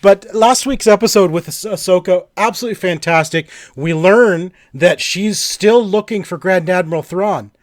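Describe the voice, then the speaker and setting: An eager male podcast co-host talks in loose, rambling bursts, full of fillers and restarts. His voice sits a little high. The sound is dry and close, with no room around it. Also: normal speed, hardly any pauses, dry recording. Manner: enthusiastic, rambling with many fillers. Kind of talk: casual chat.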